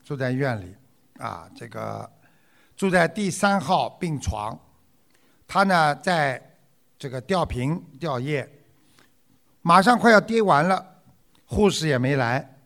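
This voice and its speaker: Guy telling jokes to a crowd, slow, gravelly, lively voice. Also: on the high side. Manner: unhurried, animated storytelling. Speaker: joke teller.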